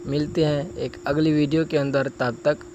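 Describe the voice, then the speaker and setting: A male teacher giving a spoken lesson, pausing to say each example phrase slowly and carefully. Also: a little high, level tone, highs cut off, background noise. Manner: slow, drawn-out modeling of example phrases. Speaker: language teacher.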